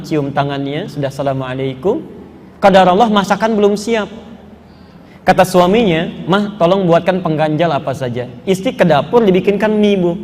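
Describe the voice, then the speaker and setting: A man's voice: high-pitched, a little mellow, long reverb tail. A man giving an Islamic sermon to a live audience, telling a family story with acted quotes and putting questions to his listeners. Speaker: Islamic preacher.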